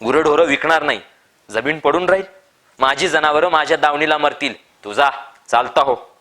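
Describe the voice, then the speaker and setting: A man doing a defiant old farmer, shouting. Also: mid-range voice, normal speed, lightly acted. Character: old male farmer, stubborn and fierce.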